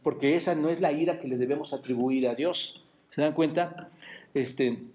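A man with a Mexican Spanish accent preaching a sermon as pastor, asking the congregation rhetorical questions and dropping his voice to a quiet aside on "brothers". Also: a little high, moderate pace. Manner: repeats "hermanos" in a dropped, quiet voice. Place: church.

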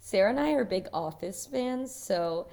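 This co-host's medium-pitched voice is expressive, creaky, and warm, moving at a normal pace. She's chatting informally about a TV show on a podcast, groping toward her thoughts and prone to giggling.

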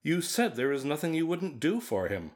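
An actor playing a proud, sharp-tongued young nobleman, bitter and sardonic in an audio drama. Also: a little high, very animated, moderate pace.

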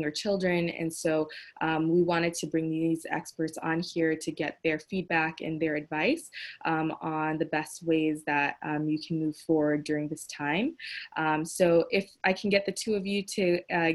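A woman hosting an online panel over a video call, speaking casually with many hesitant fillers. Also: low voice. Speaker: host, mosque founder.

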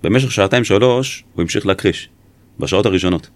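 Man, former police interrogator, low voice, measured and emphatic, dry close sound. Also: no room sound.

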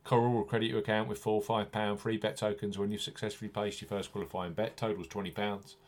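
A low-voiced man delivers a scripted betting promo as a podcast host. He reads like an announcer, punching the key phrases with clear emphasis. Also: flat delivery, fast talker.

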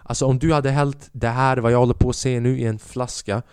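A young man hosting his own podcast, telling a comedy club story in a profane, animated way and acting out other people's voices. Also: medium pitch, clean tone, dry recording, clean studio sound. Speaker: podcast host and stand-up comedian.

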